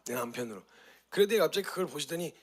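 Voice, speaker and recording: A male pastor teaching a course on Bible meditation, telling stories with lively rhetorical questions. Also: on the high side, quick pace. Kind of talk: teaching talk.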